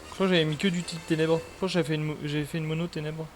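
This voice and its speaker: A man's voice: fairly high pitch, level tone, rapid-fire, soft background music. A man chatting casually on a gaming stream, rambling with lots of fillers.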